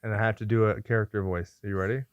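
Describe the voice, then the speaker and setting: A man's voice: fairly low pitch, fairly even intonation, rapid-fire, clean tone, dry recording, phone-quality sound. Man in crude, swearing banter. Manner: crude joking rants, heavy swearing. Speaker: podcast host. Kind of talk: casual chat.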